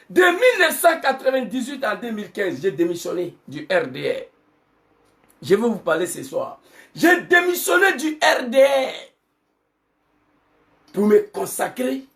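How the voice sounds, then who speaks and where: A middle-aged man with an Ivorian French accent, an activist giving an angry political monologue full of shouted rhetorical questions. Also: very high-pitched, recorded from a distance. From Côte d'Ivoire.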